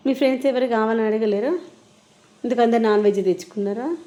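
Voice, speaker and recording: A woman's voice: on the high side, fast, dark tone. A woman chatting casually and explaining things to viewers as a vlogger. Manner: explanatory, conversational. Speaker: vlogger and mother.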